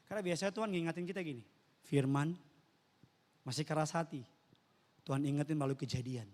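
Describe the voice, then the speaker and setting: High-voiced man preaching in an echoing church. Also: fast talker. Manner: lively, joking, addressing the congregation directly. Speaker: pastor. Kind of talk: sermon. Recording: long reverb of a church hall.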